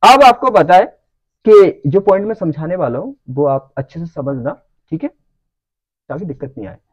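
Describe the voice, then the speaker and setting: A man's voice: a little high, expressive, moderate pace, no room sound, low-quality recording. A man teaching a lecture who keeps asking the class whether they follow. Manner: checks understanding with repeated questions.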